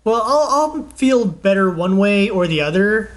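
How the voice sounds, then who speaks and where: High-voiced excitable young man chatting. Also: unhurried. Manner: rambling, excitable, laughs often. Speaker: podcast co-host. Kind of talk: casual chat about games and movies.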